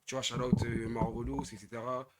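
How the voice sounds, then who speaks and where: A young man from the Paris suburbs, co-hosting a live reaction stream in casual slang, often repeating words and trailing off quietly. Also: medium pitch, flat delivery, fairly quick, very noisy. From Paris suburbs, France.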